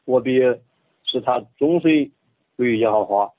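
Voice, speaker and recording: A modest, quiet man from Henan speaking in Henan dialect as a radio co-host, reading aloud. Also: mid-range voice, measured pace, narrow, tinny audio. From Henan, China. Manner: modest, quiet, laughs shyly.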